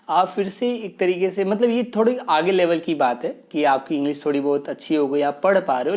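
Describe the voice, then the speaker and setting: A man giving a casual spoken lesson as a teacher, patient and explanatory, slowing right down for key phrases. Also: high voice, a little mellow. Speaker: English teacher. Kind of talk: casual spoken lesson, mixing Hindi and English.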